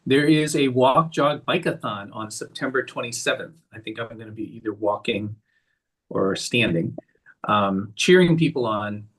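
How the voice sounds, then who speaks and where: A man with a husky, slightly rough voice gives closing remarks on a video call. He moves briskly through resources and announcements like an announcer. His pitch sits in a middle range. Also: a bit bright, poor audio. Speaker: summit organizer closing the session.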